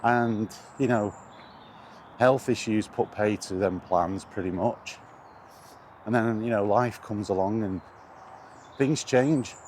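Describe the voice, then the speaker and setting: A man who vlogs about video games rambles casually about his hobby, hesitant, conversational, and wryly exasperated. His lowish, slightly mellow voice is slow and pauses often, with outdoor background noise clearly audible.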